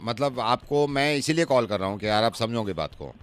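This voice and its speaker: A man's voice: mid-range voice, expressive, a little fast. A male radio host making a prank phone call, stubbornly insistent and repeating himself with mock innocence.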